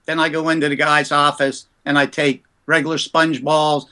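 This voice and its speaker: A man with a bright, forceful voice spins lively anecdotes in a relaxed interview. He talks a little higher than most men. He is a ventriloquist from the US East Coast recalling his start in show business. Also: moderate pace. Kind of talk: casual storytelling interview.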